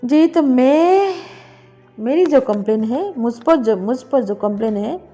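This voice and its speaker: A middle-aged woman chatting casually in her home kitchen as she cooks, speaking slowly and deliberately with pauses. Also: sits high, animated, warm tone, muffled recording, faint music behind. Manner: slow, deliberate talk with pauses. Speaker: cooking vlogger. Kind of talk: casual cooking vlog chat.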